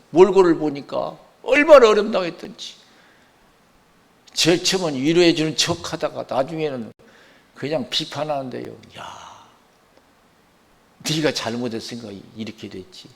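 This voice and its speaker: A male pastor delivers a sermon in a church sanctuary, his gravelly voice carrying a long hall reverb. He preaches emphatically, rising to loud outbursts and then sinking to hushed asides. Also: a little high.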